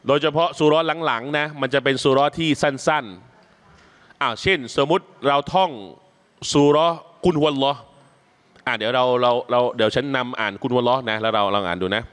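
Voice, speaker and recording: Clear-voiced man teaching how to pray. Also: medium pitch, fairly bright tone. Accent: Thai. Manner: patient, repeats and checks on learners, chants Arabic prayers slowly. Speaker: imam teaching prayer to new Muslims. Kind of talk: classroom instruction with recitation. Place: mosque training session.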